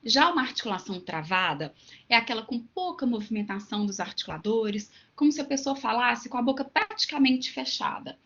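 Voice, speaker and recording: High-voiced Mineira woman lecturing teachers. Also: lively intonation, fairly quick, fairly bright tone, highs cut off. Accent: Minas Gerais Brazilian Portuguese. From Minas Gerais, Brazil. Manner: explanatory, with everyday examples and asides.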